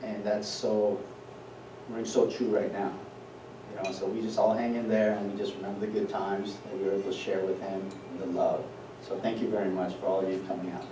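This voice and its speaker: A man's voice: fairly low pitch, flat delivery, a little fast. A middle-aged man speaking at a memorial, chatty and storytelling, stumbling over repeated words and laughing along the way. His voice comes from a distance in an echoey hall with a noisy background. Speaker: eulogy speaker. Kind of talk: memorial speech with anecdotes. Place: event hall.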